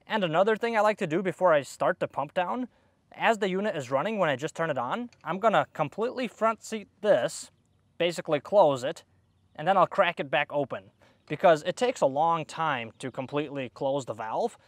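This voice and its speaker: A man's voice: fairly high pitch, animated, moderate pace, no room sound. A young man, an HVAC technician, explaining step by step as he works on an outdoor air conditioner. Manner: explains step by step while working. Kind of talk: hands-on tutorial. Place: outdoors by an AC unit.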